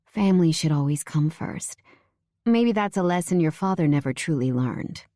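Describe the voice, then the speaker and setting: A woman reading a first-person romance audiobook in a soft, unhurried way, close to the mic. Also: sits low, lively intonation, no room sound. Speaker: audiobook narrator.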